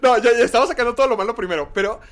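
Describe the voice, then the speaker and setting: Animated Mexican woman reviewing films. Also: on the high side. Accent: Mexican Spanish. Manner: animated and opinionated, quick restarts. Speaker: podcast co-host. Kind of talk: casual film review chat.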